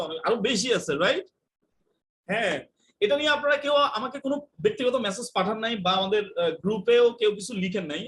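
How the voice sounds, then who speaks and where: A man's voice: high-pitched, fairly bright tone. A young man teaching English in a live online class, joking and scolding and mixing in English phrases.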